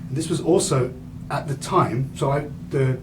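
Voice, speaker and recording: A man's voice: medium pitch, moderate pace. A man in his thirties giving a university lecture, rambling with many fillers and restarts. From England. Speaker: guest lecturer. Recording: distant mic, audible room noise.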